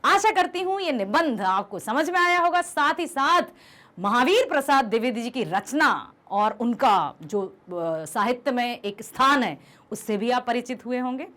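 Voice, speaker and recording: A young woman teacher giving a lively revision lesson, asking her students questions and explaining patiently. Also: fairly high pitch, measured pace. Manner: addresses students affectionately as "beta". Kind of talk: Hindi class revision lesson.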